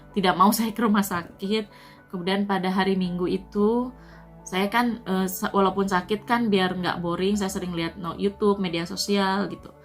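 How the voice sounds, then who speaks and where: A woman from Indonesia talks through a personal story in an earnest, unhurried way, her phrases often tapering off softly. Her voice sits at an ordinary middle pitch. Faint music plays underneath. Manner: soft, earnest, often trailing off with "gitu". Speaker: Indonesian migrant worker sharing her COVID recovery. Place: at home.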